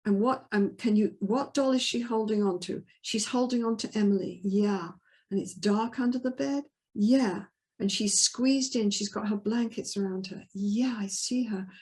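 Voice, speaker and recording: A woman therapist teaching a training session in a mid-pitched voice. She walks listeners through a client session and drops to a quiet, gentle tone when quoting it. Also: normal speed. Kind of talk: teaching talk with case example.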